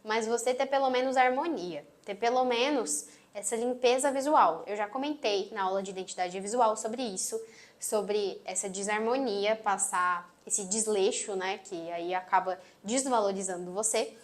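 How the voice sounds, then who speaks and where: A woman with a Brazilian accent and a sweet, gentle voice, teaching an online course lesson and closing her phrases firmly. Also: medium pitch, normal speed. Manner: emphatic, closes phrases firmly. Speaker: marketing instructor. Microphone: phone on tripod.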